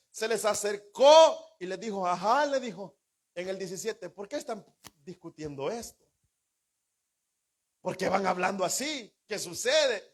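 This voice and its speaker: A man who is a pastor, preaching a fervent sermon, swinging between shouted lines and hushed asides. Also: extremely high pitch.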